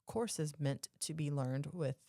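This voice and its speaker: A woman with a very low voice for her sex talks casually on a podcast. There is a strong fry in it and the sound is dry and close. She explains things emphatically, circling back to rephrase. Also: measured pace, dark tone, dry recording. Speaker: podcast co-host.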